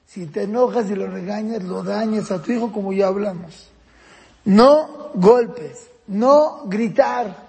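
A man's voice: sits high, slow pace, creaky, a little mellow. A man teaching a parenting course, acting out little scenes between parents and children as he explains. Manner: acts out parent-child exchanges while explaining. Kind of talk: lecture to parents. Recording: reverberant room with long echo.

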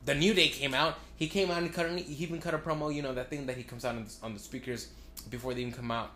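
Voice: mid-range voice, steady tone, fast, a bit bright, roomy sound. Podcast host, mid-range voice, slangy, emphatic, repetitive phrasing, casual talk, noisy background.

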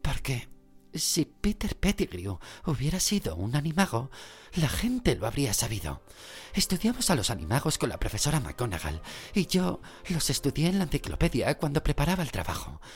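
A man voicing a clever teenage schoolgirl witch who speaks in a high, quick, earnest lecturing way. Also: huge pitch swings, slightly rough, faint music behind.

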